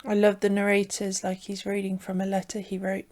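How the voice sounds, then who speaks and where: A woman's voice: medium pitch, completely flat delivery, a little fast, over music. A young British woman giving casual reaction commentary on a show as she watches. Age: young adult. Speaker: reaction host.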